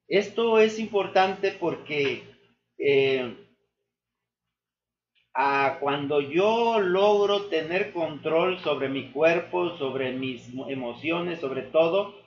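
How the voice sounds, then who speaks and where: A man giving an earnest, sermon-style testimony to his church, addressing the listeners as brothers and often pausing with fillers and restarts. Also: on the high side. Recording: echoey room, dull lo-fi sound.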